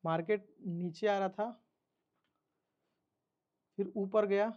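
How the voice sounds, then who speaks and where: A man's voice: high-pitched, steady tone, slow pace, a little mellow, dull audio. A man teaching a trading course, walking through a chart step by step, repeating terms and checking that listeners follow. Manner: repetitive teacherly explaining, checks understanding. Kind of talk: explaining a chart in a recorded lesson.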